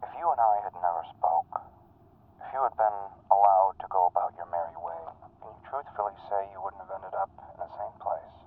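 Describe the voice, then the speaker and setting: An actor playing a cold, manipulative psychopath calling a crisis hotline, calm and probing with a quiet menace, heard over a phone line. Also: male voice, deep voice, brisk. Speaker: caller. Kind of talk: film drama acting. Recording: tinny phone line with faint noise.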